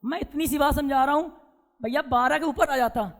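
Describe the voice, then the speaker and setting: Loud, high-pitched male classroom teacher. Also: moderate pace, big-room sound. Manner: loud, drilling, asks the class to repeat. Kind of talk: classroom lecture.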